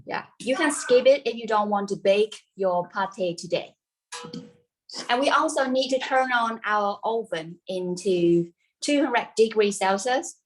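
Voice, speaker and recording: Through a rough recording, a mid-range female voice explains cooking steps at a measured pace in an informal live class. The teacher is a native Vietnamese speaker from central Vietnam with a central Vietnamese accent, and her simple non-native English skips some words.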